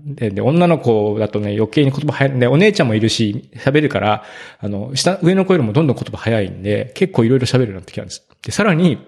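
A man in his thirties chatting casually as a podcast co-host, telling stories in a relaxed way and growing animated when amused. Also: medium pitch, quick pace, gravelly, few pauses, breathy edge. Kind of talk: casual chat.

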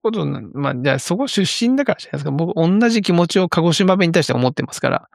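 Gravelly-voiced man on a podcast. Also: high voice, rapid-fire, no echo, studio quality. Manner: relaxed, joking, laughs easily. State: strained voice. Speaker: podcast co-host. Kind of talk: casual chat.

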